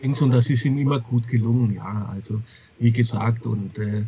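Against a loud crowd, a man with a medium-pitched voice speaks at a moderate pace. He's a publisher of comics and audio dramas being interviewed, chatting casually, rambling and often repeating himself.

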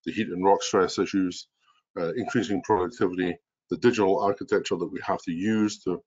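Deep-voiced older man, strong Scottish accent. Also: fairly even intonation, fairly quick, a little mellow. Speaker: organization president and chief executive, presenter. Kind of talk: explanatory business webinar presentation. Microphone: video call computer mic. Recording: dull, lo-fi video call audio.

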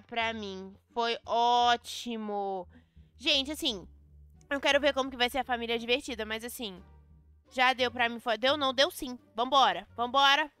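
A Brazilian woman narrates her game role-play with a bright, sharp, smooth voice, pitched a little high. She is dramatic and excitable and keeps talking straight to her viewers. The recording is dry and close, with faint music underneath. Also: dry recording. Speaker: gaming video host.

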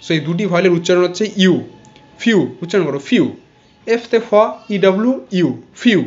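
Male teacher, high voice, patient letter-by-letter explainer, dull lo-fi recording. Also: a little fast, darkish tone. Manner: spells words letter by letter, repeats each sound. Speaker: English teacher. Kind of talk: explanatory lesson.

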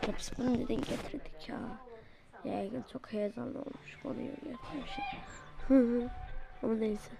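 A woman narrating a game role-play in hurried, urging chatter. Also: a little high, steady tone, gravelly. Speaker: gameplay voice actor.

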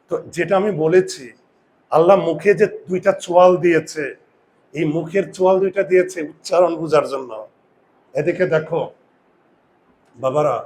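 A man teaches a class, firing questions at his students. He drags out sounds slowly to demonstrate them. His voice sits a little higher than most men's. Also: darkish tone, a little hiss or hum. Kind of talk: classroom lesson.

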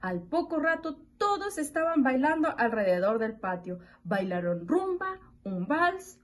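A woman preschool teacher reading a picture book aloud to young children, animated, with playful asides to the listener. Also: high voice, unhurried.

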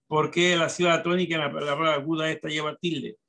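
Male teacher, fairly high voice, steady classroom dictation, sometimes drifts from the mic. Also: quick pace, creaky. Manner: instructive, repeats and checks with "¿verdad?".

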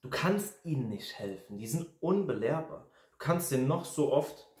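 A man's voice: medium pitch, animated, moderate pace, darkish tone. A man in his twenties, a life coach talking casually to camera in an emphatic, repetitive ranting manner. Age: 20s. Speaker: life coach and video host. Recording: echoey room.

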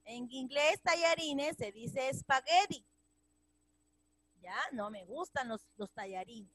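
Teacher lady, slow and patient with the kids, dry close sound. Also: sits high, expressive, a bit bright, dry recording. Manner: patient, repeats each phrase and translates it. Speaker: English teacher. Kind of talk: classroom lesson for children.

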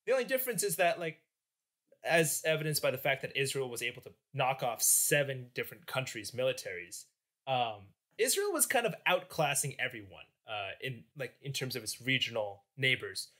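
A man's voice: medium pitch, big pitch swings, normal speed, sharp tone. A man hosting a casual history podcast, telling the story in a jokey, slangy way. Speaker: podcast host.

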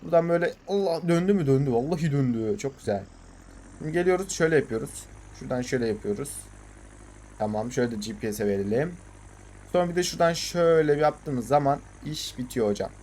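A young Turkish man commenting on his farming game in a casual, excitable way, swearing and urging his tractor on. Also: medium pitch, quick pace, slight background noise. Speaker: gaming channel host.

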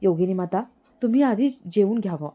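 A strict middle-aged mother who scolds her family, voiced by a female narrator. Her voice is very dark and mellow. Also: medium pitch, expressive, a little fast, lightly acted. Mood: scolding.

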